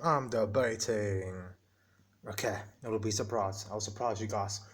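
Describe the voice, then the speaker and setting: A man's voice: lowish voice, fairly even intonation, unhurried. A man in a casual, playful vlog, introducing the voices he does for his pet birds. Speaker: vlogger.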